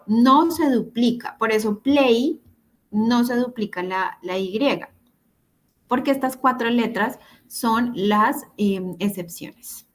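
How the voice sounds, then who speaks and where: A woman teaching English grammar to a class over a video call, patient and repeating examples. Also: fairly high pitch. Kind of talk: online class explanation. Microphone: computer mic on a video call.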